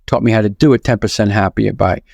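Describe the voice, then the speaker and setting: A man's voice: on the low side, fairly even intonation, quick pace, vocal fry, darkish tone, dry recording. A man with a New York accent, a podcast guest who talks emphatically and lays out his points one after another. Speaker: guest, real estate broker and author. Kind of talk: casual podcast conversation.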